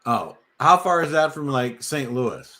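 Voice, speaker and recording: A man's voice: medium pitch, very animated, measured pace, sharp tone. A man on a casual live panel, prodding with questions and interrupting to ask again. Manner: probing questioner, interrupts with "hold on".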